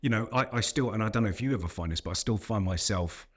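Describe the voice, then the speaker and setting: A man's voice: fairly low pitch, quick pace, breathy edge. A middle-aged man talking as a podcast guest, reflective and telling stories in casual conversation. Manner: reflective, storytelling.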